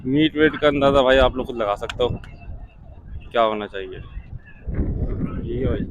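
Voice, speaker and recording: A man's voice: medium pitch, moderate pace, muffled recording. A man with a Pakistani accent giving casual on-site commentary as a market vlogger, chatting to viewers and questioning traders, often repeating their answers. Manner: addresses viewers as brothers, repeats what traders tell him. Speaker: vlogger and host touring a cattle market. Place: outdoor livestock market on a windy day.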